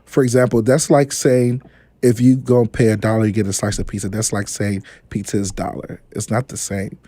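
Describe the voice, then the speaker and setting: A man as an interview guest, explaining a money idea in a deliberate, teacherly way. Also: lowish voice, little pitch movement, dark tone, dry recording. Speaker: guest, finance educator.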